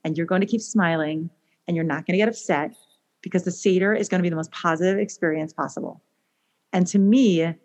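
Chatty mom-type woman rambling about her routine, lots of restarts, kinda muffled lo-fi sound. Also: mid-range voice. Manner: animated, rambling, with many restarts and fillers. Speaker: guest author. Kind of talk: casual podcast conversation. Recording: slightly dull lo-fi sound.

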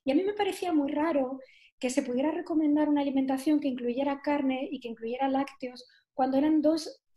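A nutrition therapist in her 40s from southern Spain, appearing as an interview guest, tells her own story in a talkative, meandering, brisk way, leaning on fillers and small tag questions. Her voice is high but warm and soft rather than bright.

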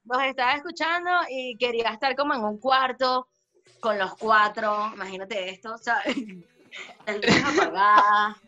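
A woman's voice: fairly high pitch, a little slow, pushed and bright, dull audio. A woman hosting her own segment, chatting in a flirty, playful, rambling way. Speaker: segment host. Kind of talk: casual radio chat.

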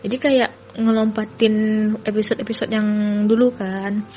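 A woman's voice: mid-range voice, fairly even intonation, normal speed, mellow, highs cut off, slight background noise. A woman from Padang telling how she became a fan, rambling casually with many fillers. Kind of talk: recorded fan testimony.

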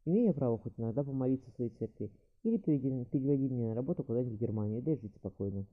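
A man's voice: mid-range voice, animated, very fast, natural voice. A man reading a weary, wry young Italian man. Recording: thin phone-like audio.

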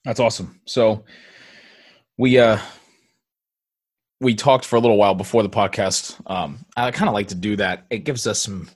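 Brief: man in his twenties, podcast host, low voice, easygoing and chatty. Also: normal speed, pauses often. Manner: laughs easily, relaxed and chatty. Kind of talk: casual podcast conversation.

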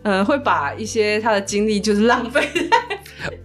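A woman's voice: mid-range voice, lively intonation, moderate pace, faint music behind. A woman hosting a casual chat podcast who chats freely and gives examples from her friends. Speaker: podcast host.

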